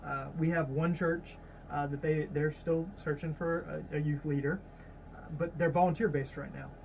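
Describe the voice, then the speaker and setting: A man's voice: fairly high pitch, normal speed, creaky, slight background noise, rough recording. Man in his thirties explaining church plans. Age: 30s. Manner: steady, explanatory, with frequent "uh" fillers. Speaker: youth minister. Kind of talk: casual interview talk.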